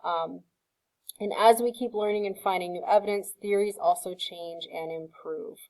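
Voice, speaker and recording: Woman teacher, mellow warm tone, patient explanations, screen-recorded lesson. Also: fairly low pitch, fairly even intonation, moderate pace, rough recording. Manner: patient, explanatory, frequent ums and okays.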